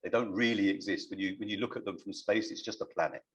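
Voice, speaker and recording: A man with a low voice hosts an online panel over video call. He speaks in a measured, reflective way and turns warmly to the callers with their questions. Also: muffled recording. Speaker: panel host. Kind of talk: hosting an online panel discussion.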